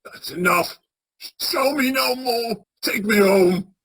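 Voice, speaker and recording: A woman plays an old miser man in a radio drama. The voice is husky yet sharp and forceful, shaken and humbled as he speaks. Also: on the high side, slow, exaggerated voice. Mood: anguished, pleading. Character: Scrooge, anguished, shaken old male miser. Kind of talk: radio play acting.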